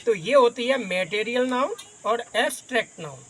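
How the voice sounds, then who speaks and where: A man's voice: very high-pitched, animated, a little hiss or hum. A man from Agra, India, teaching a grammar class in a patient way, explaining by listing many examples and calling his students "son". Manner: says he talks fast.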